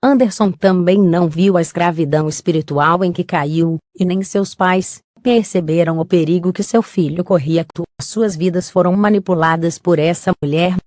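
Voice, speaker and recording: Synthetic robot-voiced woman narrator, low. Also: moderate pace, hardly any pauses, darkish tone, dry recording, studio quality. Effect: synthetic text-to-speech robot voice. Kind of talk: scripted true-crime narration.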